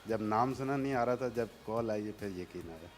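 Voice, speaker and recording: A man's voice: on the low side, normal speed, music in the background. A man who has won a prize, answering in short, shy replies on a TV studio set. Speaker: prize winner.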